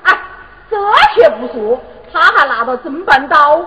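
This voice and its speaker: A defiant young woman in Chu opera, Hubei accent, very high shrill retorts over stage noise. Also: animated, a little slow, highs cut off, exaggerated voice. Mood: protesting. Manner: sharp defiant retorts, rising to shouts. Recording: noisy stage recording.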